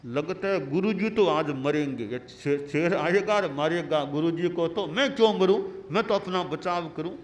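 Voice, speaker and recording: A man voicing a young male disciple in a sermon story, speaking in an excited, pleading way. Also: a little high, a little slow, hardly any pauses, natural voice. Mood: fearful. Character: young male disciple, fearful then amused.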